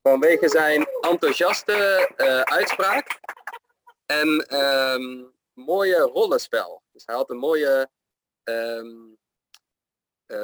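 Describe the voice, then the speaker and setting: Slow, bright-voiced man on a call. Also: medium pitch, no room sound. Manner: hesitant, many fillers. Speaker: pronunciation coach. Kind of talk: casual phone chat.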